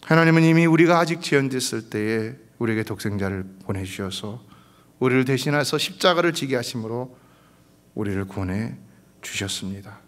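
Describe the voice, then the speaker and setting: A man preaching a sermon as pastor, swinging from loud, rising exclamations to hushed, near-whispered storytelling. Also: mid-range voice, expressive, brisk. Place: church sanctuary.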